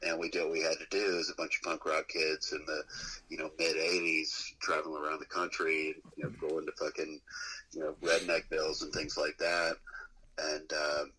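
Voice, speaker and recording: A middle-aged man with a very low, husky voice spins a loose, profane story, laughing as he goes. His tone is bright despite the depth. It is a casual interview chat. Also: little pitch movement, normal speed, low-quality recording. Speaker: musician guest.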